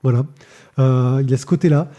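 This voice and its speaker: A man's voice: medium pitch, a little fast, mellow, muffled recording. A man hosting a comics podcast, talking casually with lots of fillers and repeated words. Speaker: podcast host reviewing comics. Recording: live-streamed podcast.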